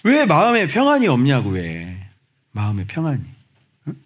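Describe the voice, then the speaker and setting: Pastor, male, husky, lively swooping pitch, fiery church sermon delivery with acted-out dialogue. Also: moderate pace. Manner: animated, shouting exhortations at the congregation; acts out little dialogues in different voices. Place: church sanctuary.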